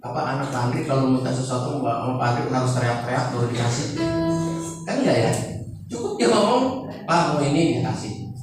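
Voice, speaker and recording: A man's voice: medium pitch, expressive, brisk, over loud music. An older man preaching a sermon in a conversational way, asking the congregation rhetorical questions. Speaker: pastor. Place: church service. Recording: echoey church hall, distant mic.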